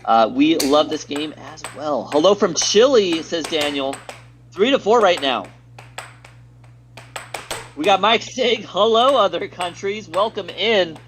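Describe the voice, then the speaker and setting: A man's voice: high voice, animated, unhurried, fairly bright tone, a little hiss or hum. An American man doing live play-by-play commentary on a stream, reading viewer chat aloud between plays in an upbeat way.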